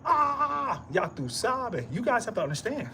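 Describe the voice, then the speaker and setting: A vlogger gives a rambling motivational talk straight to the camera, hammering the same lines again and again in casual street slang. He's very animated but a little slow, his voice swooping high and low. A thin hiss of background noise runs under it all, and his delivery is repetitive and emphatic.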